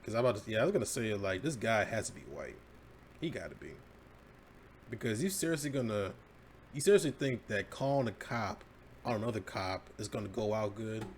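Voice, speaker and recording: A man with a lowish voice hosts a casual podcast, reading headlines and riffing on them in a loose, laid-back way that slips into swearing. A faint hiss sits under the recording. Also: big pitch swings, a little fast. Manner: laid-back, swears and laughs at his own jokes. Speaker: podcast host.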